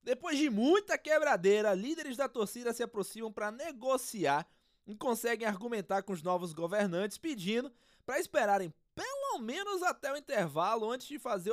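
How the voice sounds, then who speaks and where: Podcast narrator, scripted football commentary style, theatrical, urgent, animated intonation, dry studio-like sound. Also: medium pitch, no echo.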